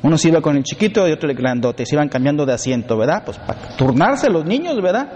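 A man's voice: a little high, very animated, fast, a little mellow, dull audio. A man, a priest giving a sermon in emphatic repeated lists, with humorous storytelling asides. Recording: long hall reverb, faint background noise.

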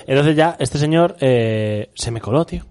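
A man's voice: medium pitch, expressive, normal speed, darkish tone. Chatty young Spanish man telling stories. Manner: rambling anecdotes, frequent restarts, laughs. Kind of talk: casual chat.

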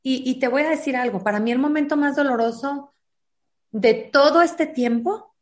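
A woman with a high voice speaks at a moderate pace as an interview guest and foundation founder. She earnestly tells a personal story, acting out the dialogue she remembers.

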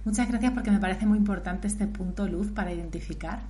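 A woman's voice: medium pitch, fast talker, dark tone. A woman interviewing a guest, hesitating and rephrasing as she asks her question. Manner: hesitant, rephrases while asking.

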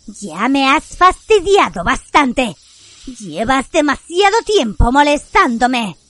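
A menacing dark wizard man voiced by a woman, speaking in a cold, high, quiet voice. He is measured and slow, deliberate in a dry, close storybook reading. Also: big pitch swings, no room sound, heavily acted. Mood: icy.

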